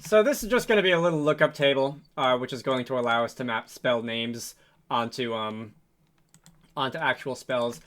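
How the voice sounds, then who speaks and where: A man with a medium-pitched, slightly bright voice speaks at a moderate pace. He is a programming video host and game developer giving a casual, unscripted tutorial, thinking aloud in a hesitant, rambling way and correcting himself as he goes. Keyboard typing and mouse clicks sound in the background.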